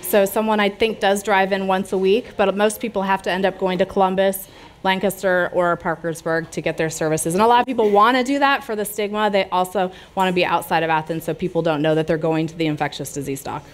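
A woman's voice: mid-range voice, fairly even intonation, fairly quick. A middle-aged woman from the United States giving an informal public health talk and answering audience questions in a small lounge, speaking conversationally and gesturing freely. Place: small lounge with brick walls, seated audience.

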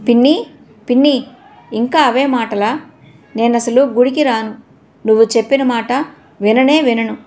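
A woman voicing a caring young woman in an audio novel, gently coaxing and soothing. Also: a little high, measured pace, pauses often, close to an everyday voice. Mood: consoling.

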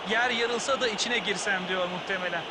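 A man's voice: high-pitched, brisk, close to an everyday voice. A man performing as a football co-commentator, giving analysis of the match. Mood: analytical. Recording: loud stadium crowd noise behind. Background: loud stadium crowd.

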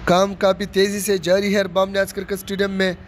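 A man with a high voice narrates a walking tour of a stadium under construction, recorded outdoors on his handheld phone. He keeps up a plain running commentary and repeats his phrases. A faint outdoor ambience runs beneath his voice. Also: monotone, quick pace, slight background noise. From Pakistan. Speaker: vlogger giving a site tour. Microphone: phone camera held by the speaker.

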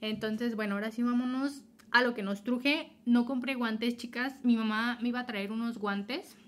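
A young woman chatting casually through a home hair-dye tutorial, hurried and addressing her viewers directly. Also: fairly high pitch, fairly even intonation. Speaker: beauty vlogger. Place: home, improvised spot.

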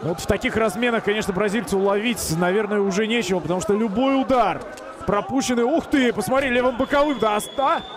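A man giving excited live commentary on a fight as a commentator. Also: sits high, quick pace, a crowd in the background, noisy background.

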